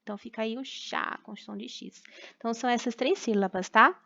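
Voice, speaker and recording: A woman's voice: a little high, fairly quick, creaky, bright, forceful tone, dull audio. A young woman teacher with a Brazilian Portuguese accent, patiently sounding out syllables for young children in a recorded remote class. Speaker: primary school teacher.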